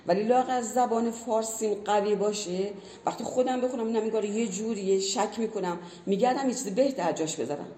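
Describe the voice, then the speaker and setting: A woman's voice: mid-range voice, warm tone, slight background noise. A woman who teaches language, explaining earnestly in conversation and giving many spoken examples. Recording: roomy echo.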